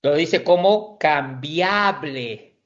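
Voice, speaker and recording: Slow-explaining male language teacher. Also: a little high, lively intonation, lo-fi sound. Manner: explains slowly with many restarts. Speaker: Swedish teacher. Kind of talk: online language class.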